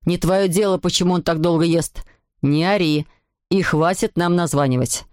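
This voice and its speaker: A woman voicing an irritable middle-aged father in an audiobook, speaking gruffly and exasperated. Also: sits low, a little fast, dry recording, studio quality, voice pushed down, natural voice. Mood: furious. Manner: gruff, exasperated, shouting in bursts.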